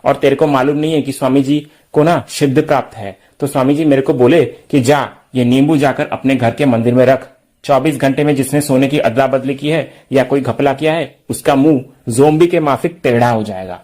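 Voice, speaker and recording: A young trickster from a TV serial fakes a holy trance and rambles on in a slangy, self-assured way, as a man reads him out. The voice sits at an ordinary middle pitch. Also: steady tone, fairly quick, darkish tone, close to an everyday voice. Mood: scheming.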